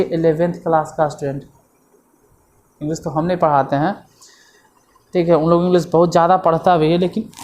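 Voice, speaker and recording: A woman's voice: fairly low pitch, darkish tone, slight background noise. A woman teaching English grammar in an informal lesson. She hammers points home by repeating them and scolds learners in mock disbelief. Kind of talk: informal classroom-style lesson.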